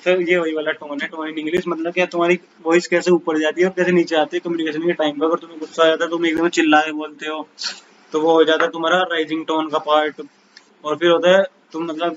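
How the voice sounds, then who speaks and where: Casual Hindi-English tutor, flat voice. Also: male voice, a little high, muffled recording, slight background noise. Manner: explains in casual Hindi mixed with English, reads English definitions slowly; addresses viewers informally as bhai and guys. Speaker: teacher. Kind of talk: exam-prep lecture.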